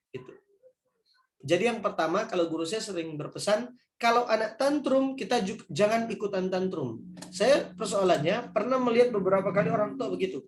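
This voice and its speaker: A man's voice: high voice, echoey room. A man answering parents' questions in an online talk, speaking casually and acting out little scenes. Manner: conversational, acts out scenes for parents. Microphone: video call.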